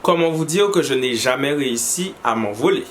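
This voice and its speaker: A young man from the French Antilles telling comic stories and reacting to viewers' embarrassing moments, jumping into high squeaky voices when he quotes people. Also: expressive, normal speed, a little hiss or hum. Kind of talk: comic storytelling to camera.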